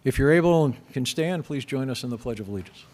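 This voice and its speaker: A man's voice: medium pitch, animated, fast, darkish tone. A man chairs a formal meeting, giving brief procedural requests in a council room.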